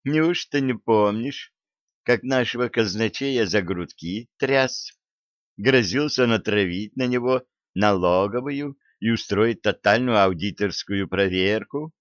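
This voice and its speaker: A man's voice: on the low side, unhurried, dry recording, lightly acted. A man doing a stern mocking tsaritsa. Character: stern sharp-tongued tsaritsa, adult woman. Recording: dull lo-fi dry recording.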